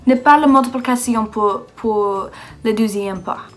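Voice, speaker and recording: Brief: American woman vlogger, native English speaker, halting learner's French, unhurried delivery. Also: a little high, soft background music. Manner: halting, searching for words with many fillers. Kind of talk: casual vlog in learner's French.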